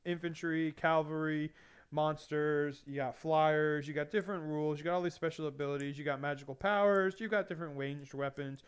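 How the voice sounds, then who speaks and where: A man in a casual interview chat, a lively storyteller who acts out both sides of conversations and laughs often. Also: a little high, fairly quick, clean tone.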